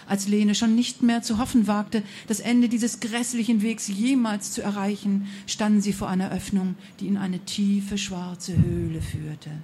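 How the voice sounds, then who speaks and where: A woman telling a fairy tale aloud, expressive, with a few slips and self-corrections. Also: medium pitch, a little hiss or hum. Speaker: storyteller.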